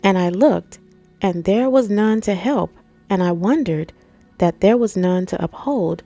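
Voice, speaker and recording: Her nose stuffed up by allergies, a Bible teacher and channel host reads scripture and explains it conversationally, addressing viewers as family and guys. Her medium-pitched voice is warm and unhurried, with soft background music.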